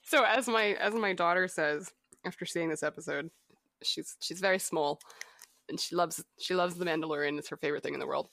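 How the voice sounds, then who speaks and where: A young woman chatting casually and playfully on a podcast, laughing easily between quick remarks. The recording is dry and close, with no room sound. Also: on the low side, vocal fry, fairly bright tone, no echo. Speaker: podcast co-host. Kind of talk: casual chat.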